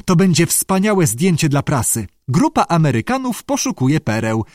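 A man's voice: fairly high pitch, very animated, normal speed, a little mellow, no room sound, studio quality, pitched above the performer's own voice. A man voicing a jealous young American woman who speaks coldly and vindictively. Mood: icy. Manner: cold, vindictive.

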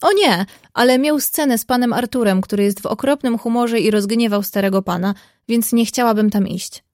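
A woman's voice: fairly high pitch, normal speed, darkish tone, no echo, clean studio sound, close to an everyday voice. A woman reading the part of a worried, deferential household maid who speaks politely and fretfully.

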